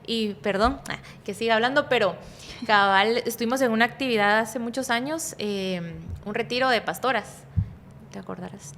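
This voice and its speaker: A woman with a Guatemalan accent chats on a podcast in a soft, rather high voice. She rambles and cuts herself off, tacking little questions onto her sentences. She sits back from the mic, and faint background noise sits under her voice. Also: normal speed. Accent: Guatemalan Spanish. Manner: rambling, self-interrupting, constant tag questions; describes herself as speaking softly but energetically. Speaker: pastor. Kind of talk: casual podcast conversation. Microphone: studio podcast microphone, kept at a distance.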